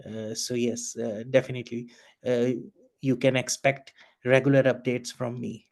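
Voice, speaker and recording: Man at mid pitch, obliging and halting on a video call. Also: flat delivery, darkish tone. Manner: hesitant, many fillers, agreeable. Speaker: contributor. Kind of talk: online meeting chat.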